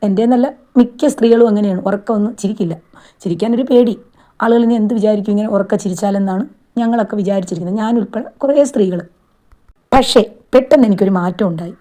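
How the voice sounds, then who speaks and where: A woman's voice: mid-range voice, fast, warm tone. A middle-aged woman from Kerala talking earnestly to her viewers in a casual vlog. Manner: earnest, plain-spoken storytelling. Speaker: vlogger. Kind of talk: casual monologue to camera.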